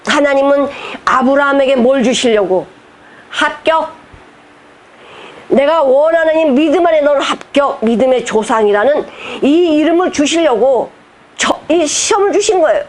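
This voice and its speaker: A woman pastor preaches with emphasis and directness, firing rhetorical questions at the congregation and slipping between formal preaching and casual speech. Her high voice has lively intonation and a moderate pace.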